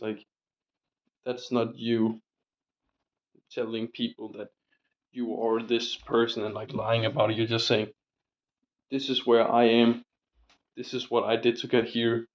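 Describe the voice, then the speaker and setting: A young male vlogger rambles casually through a diary vlog, full of fillers and casual swearing, his voice still recovering from a sore throat. His mid-range delivery is flat and measured with frequent pauses, and the audio is dull.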